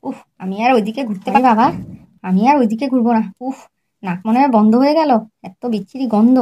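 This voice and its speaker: A woman's voice: a little high, fast, dark tone, husky. A woman narrating a comic family skit and playing a nagging, exasperated wife. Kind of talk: comic storytelling with acted dialogue.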